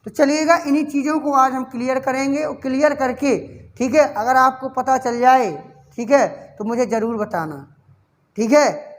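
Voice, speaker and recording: A man's voice: very high-pitched, steady tone, moderate pace. A male English grammar teacher giving a classroom lecture, asking the class questions over and over, answering them himself, and fondly calling his students child.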